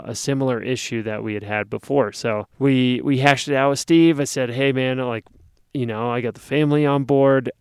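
A man in his thirties tells a story in a casual, lively way, jumping into loud acted-out shouts of his own panic. His voice is smooth and clear, at a middle pitch. It is recorded dry and close, with no room sound. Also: no room sound. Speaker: podcast co-host.

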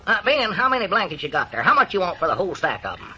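An actor playing a kindly, gullible man, folksy and halting, in a 1940s radio comedy. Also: high-pitched, very animated, pushed and bright, slightly rough, heavily acted. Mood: generous. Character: kindly, gullible, easily puzzled rural storekeeper type. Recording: dull, muffled 1940s radio recording.

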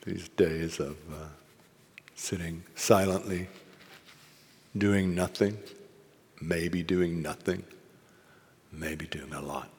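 A man's voice: low voice, steady tone, slow pace, long pauses, darkish tone, big-room sound. A man giving an informal, musing dharma talk as a Zen teacher, with fillers and asides. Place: meditation hall at a retreat.

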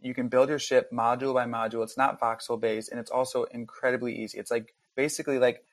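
A man's voice: medium pitch, quick pace, dry recording. A man chatting casually as a guest game developer on a podcast, rambling with plenty of fillers. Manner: relaxed, rambling, lots of fillers.

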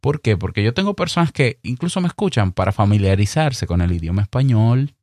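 A man with a Dominican accent hosting a podcast, giving emphatic, direct advice and speaking slowly and clearly on purpose. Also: fairly low pitch, lively intonation, darkish tone, no room sound, studio quality. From Dominican Republic. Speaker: podcast host. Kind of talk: advice talk to fellow podcasters.

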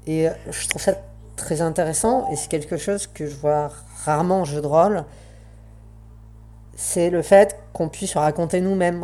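A woman's voice run through a voice changer, pitched low and mellow. She speaks in an earnest, reflective way, pausing to find her words. Faint music plays underneath. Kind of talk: spoken essay on roleplaying games.

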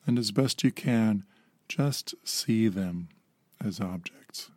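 A man in his fifties gently guiding a slow mindfulness meditation, calm and unhurried with long pauses. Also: lowish voice, no room sound. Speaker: meditation guide.

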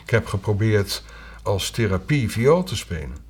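Halting man, low voice. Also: very animated, a little mellow, husky. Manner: halting, reflective, with filler sounds. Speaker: retired orchestra conductor. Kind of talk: personal storytelling interview.

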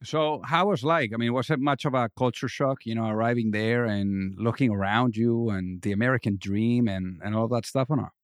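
A man's voice: mid-range voice, steady tone, normal speed, hardly any pauses, no echo, studio quality. A man hosting a business podcast, talking in an upbeat way with many filler phrases. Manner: upbeat, filler-heavy, lots of you know. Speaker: podcast host. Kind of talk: podcast interview.

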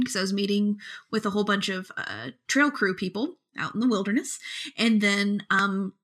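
A woman archaeologist telling a story in casual podcast chat, lively and often laughing. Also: mid-range voice.

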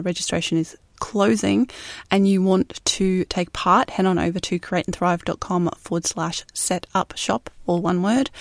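A woman's voice: on the low side, gravelly, darkish tone, no room sound. An Australian woman hosting a podcast in casual solo talk, recorded inside a closet. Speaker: podcast host.

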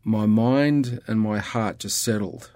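Middle-aged Australian man, guest, earnest and reflective, low-pitched, dry close sound. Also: slow, darkish tone, dry recording. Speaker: guest, ministry worker. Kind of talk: casual conversation.

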